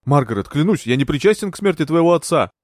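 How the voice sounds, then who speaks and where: A man playing a young gentleman accused of murder, pleading and indignant. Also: medium pitch, expressive, a little fast, dry recording, clean studio sound, natural voice.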